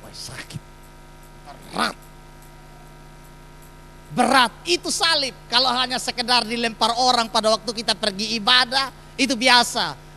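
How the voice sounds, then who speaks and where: A man's voice: very high voice, sharp tone, a little hiss or hum, low-quality recording. A man, preaching a sermon in a church and putting emphatic rhetorical questions to the congregation. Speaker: pastor.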